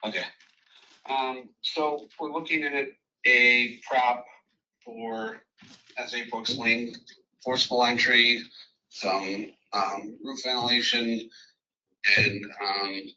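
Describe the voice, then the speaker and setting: Fire chief man on a speakerphone, sharp-toned. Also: medium pitch, dull audio, a little hiss or hum. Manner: halting, with frequent ums and restarts. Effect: heard over a phone on speakerphone. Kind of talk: reporting to a committee meeting. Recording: distant speakerphone sound in a meeting room.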